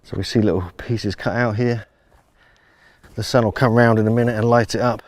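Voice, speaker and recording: Man, low voice, dry close sound, handheld video walking tour, outdoors at ruins, enthusiastic. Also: steady tone, fairly quick, dry recording. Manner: enthusiastic, marveling at size. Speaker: travel vlogger guiding viewers around ruins. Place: outdoors among ancient temple ruins. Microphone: handheld camera without its stabilizer, filming himself.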